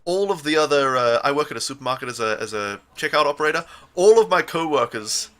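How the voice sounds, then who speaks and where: A young man with a New Zealand accent hosts a casual podcast chat and talks fast. His voice is bright, and he tells his stories in a jokey, animated way. He comes across as a natural class clown. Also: a little high. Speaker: podcast host.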